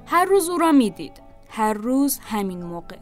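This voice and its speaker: A woman with a fairly high voice reads a literary story aloud, calm and even. Soft music plays quietly underneath her narration.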